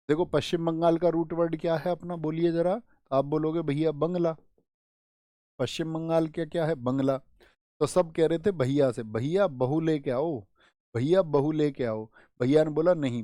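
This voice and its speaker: An exam-prep teacher gives an online lesson, firing quick questions at students and teaching memory tricks through little stories. His voice is a little high with a darkish tone, recorded in clean studio sound with no echo.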